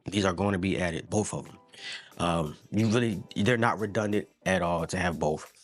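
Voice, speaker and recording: Male reviewer, somewhat low voice, easygoing slangy delivery, faint music in the background. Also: normal speed. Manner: laid-back, slangy, repeats words and says "man" often. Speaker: fragrance reviewer. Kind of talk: casual product review.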